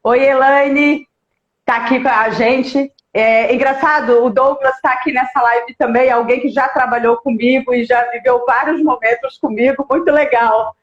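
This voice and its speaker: A high-pitched woman from Minas Gerais, Brazil, chats as a guest on a live stream, friendly and talkative, pausing to greet viewers by name. Her intonation is fairly even and her speed normal. The video call audio is roomy and echoey with a dull, muffled tone.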